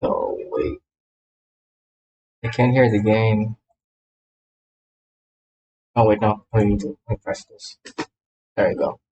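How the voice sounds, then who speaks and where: Here a man's lowish, creaky voice sounds animated yet slow, with frequent pauses and a darkish tone, and the audio is poor. He's a gamer VTuber livestreaming as he sets up a game, talking casually and in scattered bursts, repeating himself and breaking off mid-thought.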